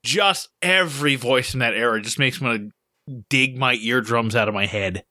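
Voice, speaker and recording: A man's voice: medium pitch, normal speed, pushed and bright, dry recording, studio quality. A man co-hosting a podcast, rambling casually with a lot of fillers and restarts. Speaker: podcast co-host. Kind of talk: casual chat.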